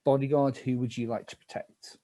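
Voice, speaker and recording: A man moderating a game as a spooky narrator, speaking deliberately in hushed, near-whispered calls. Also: mid-range voice, level tone, no echo.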